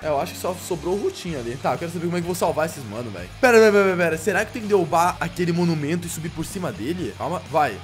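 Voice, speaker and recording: Excitable Brazilian man with lively pitch. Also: racing, few pauses. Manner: playful, excitable, jokey with sudden exclamations. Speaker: gaming YouTuber. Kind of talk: casual gameplay commentary. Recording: faint music behind.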